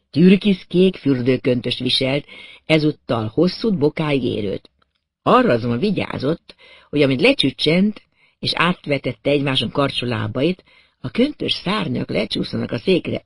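A man reading a novel aloud as a first-person audiobook narrator, in a calm, even storytelling manner. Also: mid-range voice, vocal fry, slightly rough, no room sound, studio quality.

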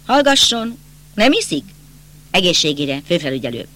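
A bitter, agitated young count, voiced by a man reading an audiobook presses and accuses in a bright, tense voice. His pitch leaps around with agitation. The speech is raised and insistent. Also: big pitch swings, heavily acted.

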